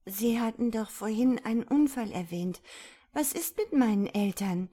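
Woman playing a young girl, crying, high pleading voice, grieving, storybook. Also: animated, moderate pace, mellow. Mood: anxious.

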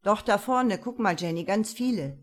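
A woman's voice: mid-range voice, moderate pace, natural voice. A woman voicing a cheerful, food-loving young male colleague with an easygoing, cheeky manner.

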